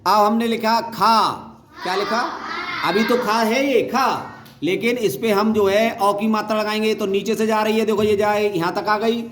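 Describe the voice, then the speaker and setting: A man teaching a Hindi reading lesson as a primary teacher. He repeats each sound, asks questions and answers them himself, and calls out the syllables loudly. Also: sits high, steady tone, moderate pace. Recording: echoey room with faint noise.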